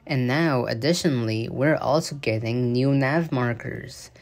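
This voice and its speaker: A male gaming news creator explains a game's new update features at a measured pace in a mid-range voice. The commentary over gameplay is casual and loose, with many fillers and restarts.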